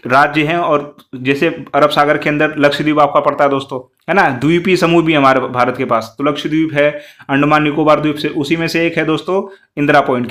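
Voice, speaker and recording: A man's voice: fairly high pitch, a bit bright. A man teaching an exam-prep lesson, walking through quiz answers and repeatedly putting questions to his students. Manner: fast, repetitive, keeps asking the class questions.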